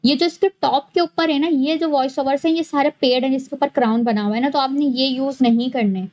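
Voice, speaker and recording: A woman narrating a screen-recorded software tutorial, explaining each step patiently and repeating key points. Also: sits high, steady tone, brisk, muffled recording. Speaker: animation tutorial host.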